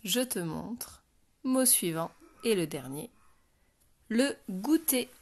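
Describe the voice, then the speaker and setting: Slow, patient teacher woman. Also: fairly low pitch, lively intonation. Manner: slow, patient, addressing the child directly. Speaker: primary school teacher. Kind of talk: phonics lesson to a young child.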